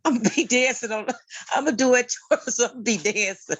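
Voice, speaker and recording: A woman's voice: fairly high pitch, fairly bright tone, breathy edge, no echo. Woman chatting along, agreeing a lot, laughs easily, dry close mic. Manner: supportive, quick agreeing interjections, laughs easily. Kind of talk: casual chat.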